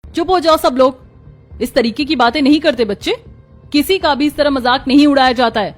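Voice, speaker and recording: A woman's voice: sits high, fairly quick, soft background music, lightly acted. A woman voicing a strict but kind schoolteacher in a cartoon story. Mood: stern.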